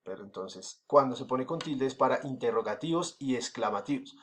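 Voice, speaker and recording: A man's voice: medium pitch, expressive, moderate pace. A man with a Colombian accent teaching a recorded school lesson, explaining step by step with many fillers and frequent checks that the class is following. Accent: Colombian Spanish.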